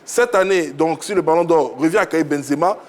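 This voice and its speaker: A man's voice: a little high, brisk. Assured male football pundit. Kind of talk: studio analysis.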